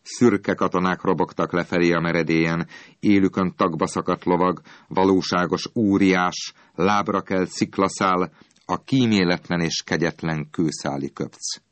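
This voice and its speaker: A man reading a storybook aloud in an expressive, dramatic storytelling manner. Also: low voice, dry recording. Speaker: narrator.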